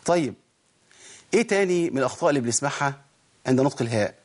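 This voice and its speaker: A man with an Egyptian accent teaching Quran recitation in a recorded lesson, asking rhetorical questions and drawing out example words slowly to demonstrate them. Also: medium pitch, animated. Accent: Egyptian Arabic.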